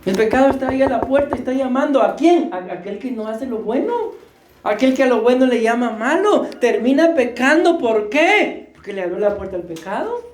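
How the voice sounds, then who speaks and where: A man's voice: extremely high pitch, expressive, fairly quick, roomy sound, a little hiss or hum. A man preaching a sermon, joking and questioning his congregation, short of breath. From Costa Rica. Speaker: pastor. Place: church hall.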